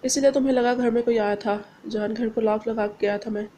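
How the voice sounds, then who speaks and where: A fond young husband, soothing one moment and teasing the next, as a woman narrator reads him. The voice stays fairly high and flat, with no big swings. A faint hum sits under it. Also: a little fast, natural voice. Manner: soothing and playful.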